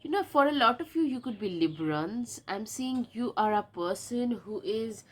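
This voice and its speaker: A woman's voice: a little high, animated, moderate pace. A woman with a stuffy nose from a cold, chatting casually to camera as she gives a tarot reading, with lots of fillers and repeated words. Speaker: tarot reader.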